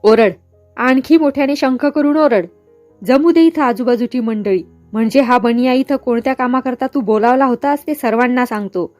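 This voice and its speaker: A woman's voice: on the high side, normal speed, darkish tone, no echo, soft background music, lightly acted. A woman voicing a jealous, sneering man who mocks and pesters a woman. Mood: taunting. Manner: taunting, mocking.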